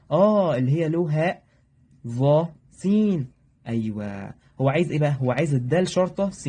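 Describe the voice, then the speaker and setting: Man, Egyptian accent, math teacher, mellow husky voice, fast, joking. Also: mid-range voice. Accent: Egyptian Arabic. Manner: brisk, joking, talks to students directly. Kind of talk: exam review lesson.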